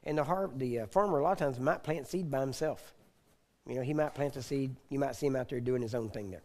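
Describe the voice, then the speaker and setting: A man from Texas, preaching in short bursts that pause for an interpreter and often clearing his throat. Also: mid-range voice, a little mellow. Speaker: guest preacher. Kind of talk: sermon through an interpreter.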